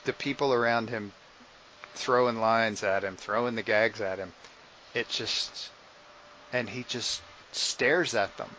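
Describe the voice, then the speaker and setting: A man's voice: mid-range voice, a little slow, pushed and bright, slight background noise, low-quality recording. A man co-hosting a podcast, talking casually in a rambling way with frequent restarts. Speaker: podcast co-host. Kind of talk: casual chat.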